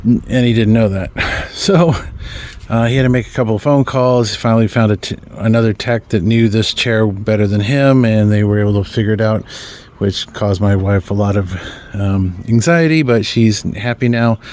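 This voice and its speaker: A man's voice: lowish voice, normal speed, darkish tone. A man giving casual, rambling commentary outdoors while working on his own vehicle, full of ums and mild swearing. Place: outdoors in a yard beside a vehicle.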